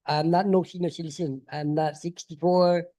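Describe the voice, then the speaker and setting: A man's voice: on the high side, flat delivery, normal speed, dark tone. A man in his fifties, asking a panel a question from the audience in an insistent, emphatic way and repeating his points. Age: 50s. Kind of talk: public Q&A question.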